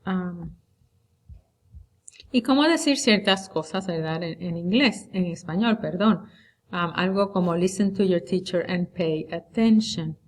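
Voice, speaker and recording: Slow, deliberate woman teaching Spanish. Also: fairly low pitch. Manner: slow and deliberate, drawing out example words. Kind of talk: recorded lecture review.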